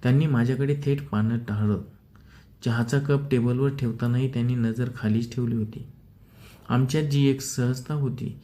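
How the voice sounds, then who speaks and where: A man narrating a first-person story in a measured, steady reading style. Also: mid-range voice.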